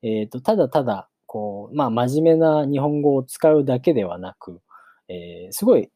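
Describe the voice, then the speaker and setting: A man hosting his channel, chatting casually with many filler pauses, then reading a novel aloud for learners. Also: medium pitch, no echo, clean studio sound. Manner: relaxed, lots of filler pauses.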